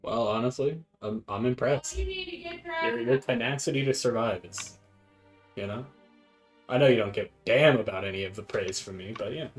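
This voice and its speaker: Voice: mid-range voice, very animated, normal speed, faint music behind. A player talking in character during a tabletop role-play stream, playful and stammering with frequent laughs.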